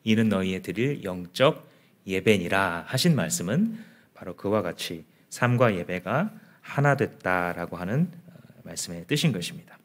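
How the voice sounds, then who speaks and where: A man's voice: low voice, animated, normal speed. A male pastor preaching a sermon in an earnest, conversational way, often asking the congregation questions.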